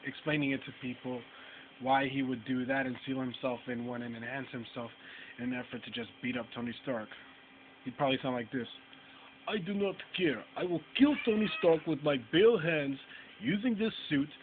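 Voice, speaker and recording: A man chatting casually through a toy review, rambling and restarting his sentences as he goes. His voice sits at an ordinary pitch and sounds thin and phone-like, with a faint hiss underneath. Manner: rambling, many fillers and restarts.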